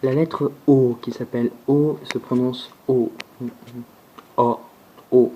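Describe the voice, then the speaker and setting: A man giving an alphabet pronunciation lesson, slow and deliberate, repeating each sound several times, recorded on a phone. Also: medium pitch, fairly even intonation, muffled recording, slight background noise. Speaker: language teacher.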